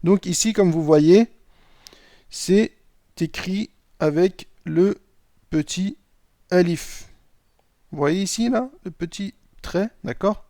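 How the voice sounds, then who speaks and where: Male teacher, slightly high voice, dry close mic, patient lesson delivery. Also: slow, long pauses, warm tone, no echo. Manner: checks in with "d'accord?" often. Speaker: Arabic teacher. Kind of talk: explaining a lesson.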